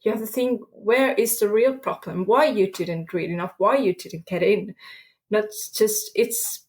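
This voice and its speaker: A young Finnish woman, a student appearing as a guest on a podcast interview, speaks English with a Finnish accent. Her mid-range voice has a darkish tone and a measured pace, and she searches for words with many fillers.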